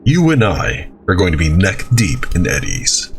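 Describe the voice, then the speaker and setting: Very deep, sly gangster fixer. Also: male voice, huge pitch swings, unhurried, creaky, over music, full character voice. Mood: sly, pleased. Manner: grandiose, sly, savoring words. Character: smooth-talking, self-assured big-time fixer gangster man. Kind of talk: video game voice acting.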